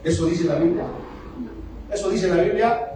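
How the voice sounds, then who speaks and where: A man's voice: high-pitched, moderate pace, background noise. A man preaching a sermon as pastor, with emphatic call-and-response delivery. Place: church sanctuary. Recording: echoey church hall from a distant mic, music behind.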